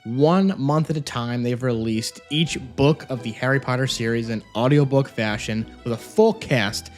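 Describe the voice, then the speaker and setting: A man who hosts audiobook review videos gushes enthusiastically in a casual vlog review, speaking at normal speed in a mid-range voice. He uses a separate microphone alongside a phone camera in his home office, with music in the background.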